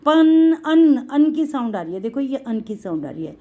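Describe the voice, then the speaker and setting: A woman's voice: mid-range voice, lively intonation, phone-quality sound. A woman teaching Hindi to young children, patiently explaining letters and calling them "beta". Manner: patient, drawn-out explaining, addresses students as beta. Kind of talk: children's lesson.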